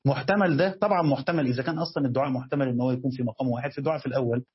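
A man with an Egyptian accent teaching a classroom lesson on Quran commentary, reading the text slowly and then explaining quickly and quizzing his students. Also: medium pitch, slightly rough, dull audio.

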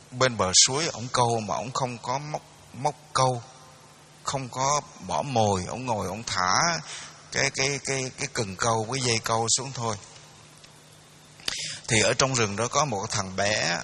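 A man's voice: mid-range voice, gravelly, bright, forceful tone, slight background noise. A man with a Southern Vietnamese accent giving a dharma talk, telling an old folk tale in a folksy, repetitive way with many restarts. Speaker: dharma teacher. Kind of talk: storytelling sermon.

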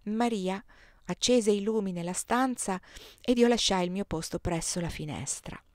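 A woman's voice: medium pitch, dry recording. Woman reading a novel aloud, dry close sound. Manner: measured, expressive reading that voices each character. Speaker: audiobook reader. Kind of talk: literary audiobook narration.

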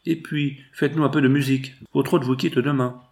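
A man's voice: mid-range voice, fairly even intonation, a little fast, vocal fry, darkish tone, pitched above the performer's own voice, natural voice. A man voicing a stern, commanding father who gives firm orders in an audiobook. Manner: firm, authoritative.

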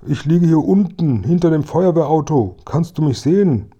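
A high, huffy police sergeant calls out pompously for help, voiced by a man reading a children's storybook. The voice stays mellow and a little husky. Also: lively intonation, normal speed. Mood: pleading. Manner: shouting for help, indignant and officious. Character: police sergeant locked in a shed, pleading.

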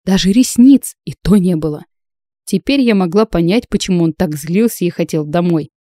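A woman narrating a fantasy novel in the first person, lively and expressive. Her voice is mellow and somewhat low. The recording is dry and close, with no room sound. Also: normal speed, no echo. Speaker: audiobook narrator.

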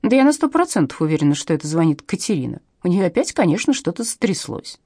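A woman voicing a level-headed, sarcastic woman friend with a husky, dark voice. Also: fairly low pitch, very animated, dry recording, clean studio sound. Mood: reasoning. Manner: brisk, sarcastic. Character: sharp-tongued sensible woman friend, sarcastic.

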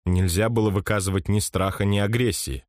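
A man narrates a thriller audiobook in a low voice. His storytelling is measured and steady. The recording is dry and close, with no room sound. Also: no echo. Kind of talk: scripted first-person narration.

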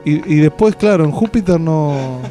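A man's voice: a little high, animated, normal speed, warm tone, faint music behind. A man with an Argentine Spanish accent hosting a casual, joking radio chat in a studio. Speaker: radio host.

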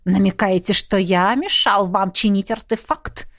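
A woman's voice: mid-range voice, normal speed, a little mellow, no room sound, clean studio sound, close to an everyday voice. A woman voicing a smug, scheming male fairy captain whose speech drips with sweet venom. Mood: smug sugary. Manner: sugary, hissing.

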